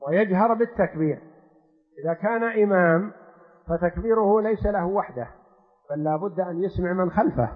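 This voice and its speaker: A man lectures as a sheikh, unpacking a religious text and drawing out each example slowly. His voice sits high and sounds husky. The sound is thin and phone-like, with a long hall echo behind it. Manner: explanatory, repeats examples slowly. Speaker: sheikh teaching a fiqh text.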